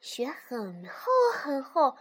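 一位女性在儿童故事中扮演一只认真又活泼的小狐狸。. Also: female voice, sits high, slow pace, breathy edge, full character voice. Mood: eager earnest. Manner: earnest, lively, childlike. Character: small eager young fox cub. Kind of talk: storybook read-aloud.

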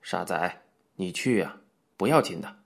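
A man voicing an older male coach who soothes and placates others in a low, coaxing voice. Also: expressive, a little slow, vocal fry, heavily acted.

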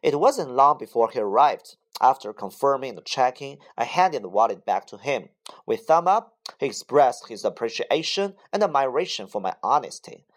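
A speaker reading a model English essay aloud in a careful, expressive way. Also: medium pitch.

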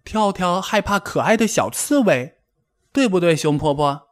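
A man voicing a timid, excitable young female rabbit in a storybook, with a shrill, panicky way of talking. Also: moderate pace. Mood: teasing.

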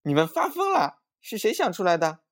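A man's voice: mid-range voice, a little slow, natural voice. A man voicing a mother who scolds her children in an exclaiming but caring way. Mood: alarmed.

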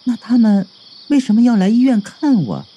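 A man's voice: very high-pitched, very animated, normal speed, warm tone, slightly rough, pitched above the performer's own voice, full character voice. A man voicing an anxious hospital patient who asks fretful questions one after another. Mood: worried.

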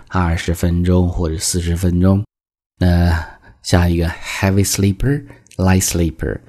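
A man teaching an English vocabulary lesson in Chinese, explaining each word step by step and reading the examples slowly. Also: low-pitched, a little mellow, husky.

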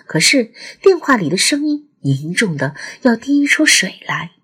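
A woman reads a suspense audiobook in a very breathy, husky voice. Her pitch rises and falls in a lively way as she tells the story. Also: a little slow. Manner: expressive storytelling. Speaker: narrator. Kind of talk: audiobook narration.

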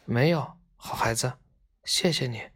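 A man's voice: mid-range voice, sing-song, unhurried, pitched below the performer's own voice. A man voicing a grieving, humble old stonemason while reading a children's story aloud. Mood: weary.

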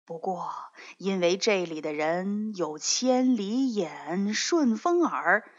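A woman voicing a kindly old male immortal in a children's story, speaking slowly and soothingly. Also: mid-range voice, animated. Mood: gentle, coaxing. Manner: slow, soothing, drawn-out words. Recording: dull lo-fi recording.

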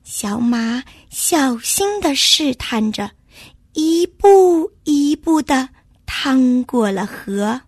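Slow high-voiced woman storyteller. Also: slightly rough, dry recording, studio quality. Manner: slow and expressive. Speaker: kindergarten teacher telling a story. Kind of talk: children's storytelling.

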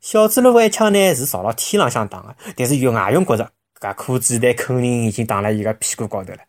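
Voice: mid-range voice, expressive, fast talker. A storyteller with a Shanghainese accent narrating a children's story expressively, with vivid sound words.

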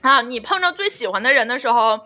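A young woman throws teasing jokes into a casual conversation with friends. Her voice sits high and sounds bright, with faint music underneath. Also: animated. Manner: teasing, quick-witted interjections. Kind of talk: casual group chat.

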